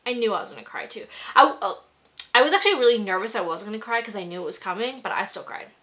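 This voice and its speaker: A woman's voice: mid-range voice, expressive, quick pace, very noisy. A young woman vlogger chatting casually while doing her makeup, gushing and peppering her talk with "like". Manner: gushing, filler-heavy with frequent "like". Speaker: beauty vlogger.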